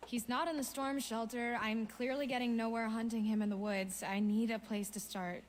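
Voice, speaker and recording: A woman's voice: on the high side, steady tone, normal speed, a little hiss or hum, lightly acted. An actress voicing a determined young woman in a horror video game, talking urgently and insistently.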